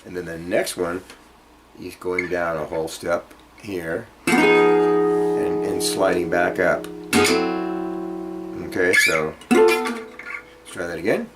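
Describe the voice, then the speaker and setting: A guitar teacher gives an informal lesson, demonstrating as he goes and explaining each piece hesitantly. His voice sits low and sing-song, and he speaks slowly with frequent pauses. The low-quality recording captures loud acoustic or jazz guitar playing alongside his voice.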